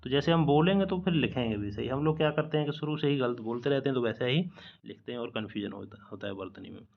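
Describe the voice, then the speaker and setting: A man's voice: medium pitch, quick pace, vocal fry, phone-quality sound. A man teaching a spelling lesson from slides, patiently repeating each correct word and mixing English words into his explanations. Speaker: exam-prep teacher.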